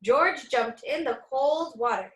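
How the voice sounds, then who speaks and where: Slowly and with plenty of expression, a woman reads a picture book to young children the way a teacher would at storytime. Her voice is high-pitched, and she takes her time. Noticeable echo fills the room around her.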